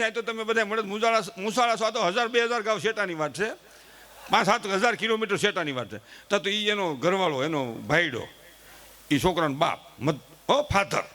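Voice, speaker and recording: A man's voice: high-pitched, bright, forceful tone. A middle-aged man, giving a chatty folksy comedy monologue on a live stage and talking straight to the audience. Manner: chatty, addresses the audience directly, acts out quoted family members.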